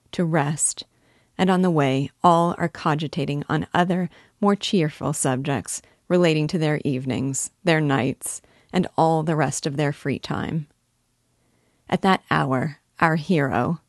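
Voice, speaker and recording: Woman narrator, low voice, measured, earnest, dry close recording. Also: no room sound. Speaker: audiobook narrator. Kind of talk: scripted narration.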